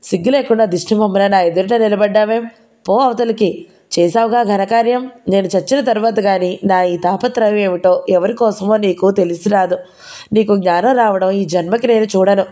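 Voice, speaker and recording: A woman's voice: mid-range voice, normal speed, close to an everyday voice. Woman voicing a bedridden scolding mother. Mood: furious. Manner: sharp scolding, weary sighs. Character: ailing, scolding older mother.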